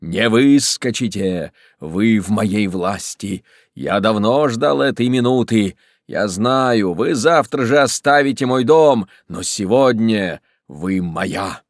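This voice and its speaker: A man voicing an obsessive, passionate man who speaks slowly and menacingly in an audiobook. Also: lively intonation, no echo, studio quality. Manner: low, slow, menacing, then pleading.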